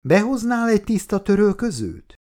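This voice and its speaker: A man's voice: on the low side, huge pitch swings, darkish tone, exaggerated voice. A man reading the lines of an affectionate, teasing middle-aged wife in an audiobook, speaking playfully and tenderly. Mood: calling out.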